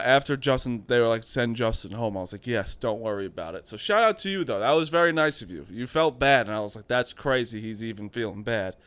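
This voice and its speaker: A man chatting casually with friends, his voice smooth and clean with a dry, close sound. He tells stories freely, laughs a lot and swears now and then. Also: mid-range voice, a bit bright, no room sound. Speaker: podcast co-host. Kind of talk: casual chat.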